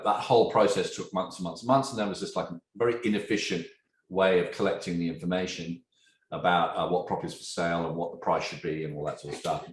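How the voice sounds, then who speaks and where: An English man in his fifties, a tech entrepreneur guesting on a conversational podcast, tells stories with animated energy and tosses questions at his listener. His lower-pitched voice carries an English accent softened by years in Australia, and the room has a noticeable echo.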